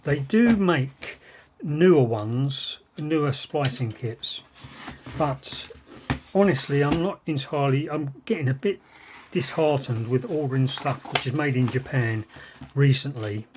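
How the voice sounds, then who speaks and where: Showing vintage cassette equipment in a relaxed, off-the-cuff unboxing, this British vlogger thinks out loud as he goes. His medium-pitched voice is unhurried, and the background is noisy.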